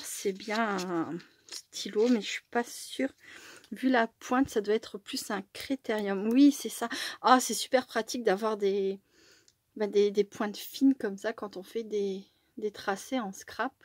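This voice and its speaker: A woman's voice: medium pitch, a little mellow, no room sound. A woman chatting casually as a crafting vlogger while unboxing, with many fillers and small laughs.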